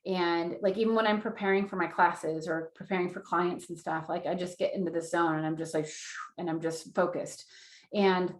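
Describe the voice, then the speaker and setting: A woman's voice: fairly low pitch, fairly even intonation, moderate pace, reverberant. A woman in her thirties teaching an online class in an earnest, repetitive way and acting out inner voices as she explains. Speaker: Human Design teacher.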